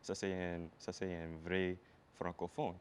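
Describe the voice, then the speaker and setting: A man with a Louisiana Cajun-Creole French accent hosting a casual interview, speaking haltingly and repeating his phrases. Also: low voice, little pitch movement, slight background noise. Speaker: interview show host.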